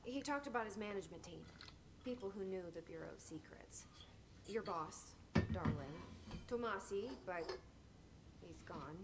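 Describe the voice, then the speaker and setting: A woman's voice: medium pitch, animated, background noise, close to an everyday voice. A woman playing a terse young director. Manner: terse, measured. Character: guarded young woman, a new agency director.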